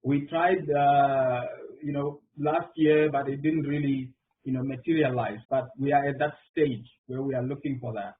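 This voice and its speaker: A middle-aged mathematician from Zimbabwe speaks on a panel, giving a round table answer marked by frequent fillers and restarts. His mid-range voice keeps fairly even intonation at normal speed. The distant mic and phone-like online call audio carry faint noise.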